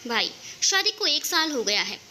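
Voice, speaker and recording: A woman's voice: high voice, sing-song, normal speed, pushed and bright, slight background noise, exaggerated voice. A woman voicing a harried young husband. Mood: complaining. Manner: complaining, flustered. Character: young married man, harried and defensive.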